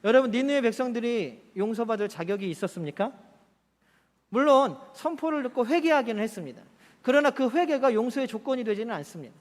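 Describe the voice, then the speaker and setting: A man's voice: very high voice, expressive, a little fast. A man preaching a Sunday sermon as pastor, asking his congregation questions in a conversational way. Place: church sanctuary. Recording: church hall reverb.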